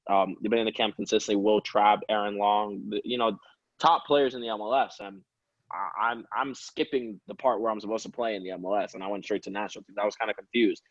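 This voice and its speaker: This guest, a professional footballer in his early twenties, keeps up a quick, relaxed, rambling chat full of laughter. His voice is lowish, and the dry recording sounds muffled.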